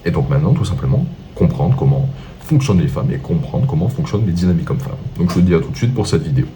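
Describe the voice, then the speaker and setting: Man, dating coach, very low voice, mellow dark tone, didactic, lists points. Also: animated, fast, a little hiss or hum. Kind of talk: instructional monologue.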